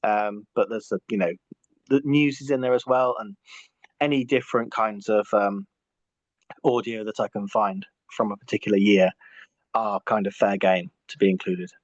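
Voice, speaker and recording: A man's voice: fairly low pitch, fairly even intonation, moderate pace, no room sound. A middle-aged man from England, talking as an interview guest in a hesitant way, often restarting and repeating words. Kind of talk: casual conversational interview. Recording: muffled, dry lo-fi audio.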